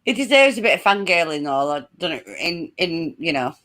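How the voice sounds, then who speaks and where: A woman's voice: on the low side, big pitch swings, a bit bright. A woman, hosting a live stream and chatting casually, giggling often. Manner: giggly, chatty, slow-paced. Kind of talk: casual chat.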